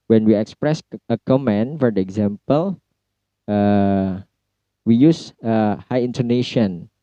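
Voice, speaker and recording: A man with an Indonesian accent giving a recorded phonology lecture, pausing to say example sentences slowly and clearly. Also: medium pitch, warm tone, dry recording, highs cut off. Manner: mixes explanation with slow drawn-out example sentences.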